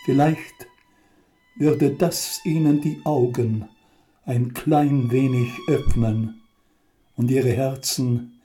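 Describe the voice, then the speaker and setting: A man in his seventies speaks slowly and deliberately, with a mellow, darker tone. His scripted appeal is earnest and pointed. Soft music plays faintly behind him. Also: mid-range voice, fairly even intonation. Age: 70s. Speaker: elderly climate activist.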